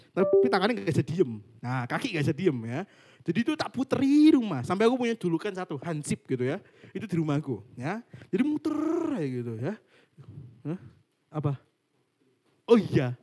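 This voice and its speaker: A young man shares a story with his prayer group over a video call, his voice fairly high for a man. His pitch leaps around as he laughs and acts out what others said. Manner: animated storytelling, laughs often, acts out quotes. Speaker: cell group speaker.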